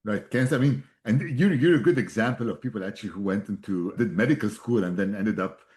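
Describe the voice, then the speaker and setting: A man's voice: lowish voice, fast, darkish tone. A man hosting a podcast interview, asking questions in a casual, hesitant way with fillers. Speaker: podcast host.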